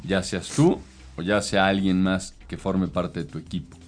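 A man's voice: deep voice, fairly even intonation, unhurried. A man, a consultant, explaining business ideas in casual chat, with many hesitations and fillers.

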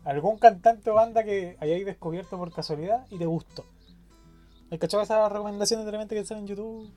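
A man's voice: high-pitched, a little fast, mellow, faint music behind. A young man with a Chilean accent, joking around and swearing freely in casual chat.

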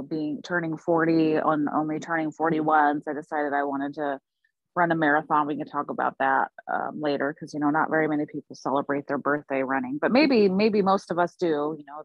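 A woman in her forties from Oklahoma, talking softly and thoughtfully as a podcast guest, with many pauses and laughs. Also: low voice, fairly even intonation, dry recording, highs cut off. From United States (Oklahoma). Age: 40s. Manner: soft-spoken, laughs often, thoughtful with many ums. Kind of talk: casual interview.

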